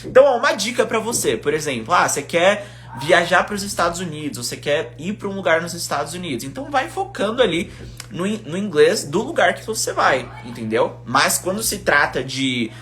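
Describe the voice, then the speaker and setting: Bright-voiced Brazilian man chatting live. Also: sits high, brisk, faint music behind. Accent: Brazilian Portuguese. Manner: relaxed, chatty, slangy, reads viewer comments aloud. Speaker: English teacher. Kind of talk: casual live-stream Q&A. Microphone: phone.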